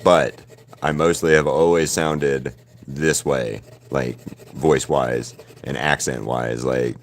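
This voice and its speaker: His voice is a rumbling low, steady and slow, with a little hiss or hum in the audio. A man in his thirties from the American South with a mild accent, he streams live while painting, rambling loosely and swearing casually.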